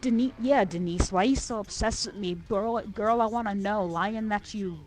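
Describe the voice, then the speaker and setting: A woman's voice: mid-range voice, normal speed. Rambling woman streamer chatting over gameplay. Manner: rambling, filler-heavy, animated asides. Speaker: game streamer. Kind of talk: casual gameplay chat.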